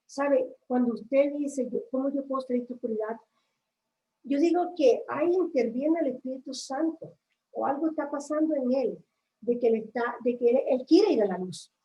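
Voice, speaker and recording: A woman's voice: high-pitched, expressive, moderate pace, mellow, echoey room, distant mic, a little hiss or hum, rough recording. A woman from a church ministry, reflecting on faith in a casual chat and checking for agreement with tag questions.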